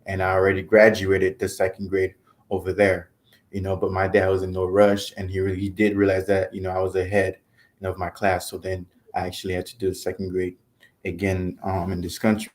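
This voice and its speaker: A man in his twenties from Haiti, a guest telling his story in a casual interview, relaxed and chuckling, with many fillers. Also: sits low, a little fast. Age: 20s.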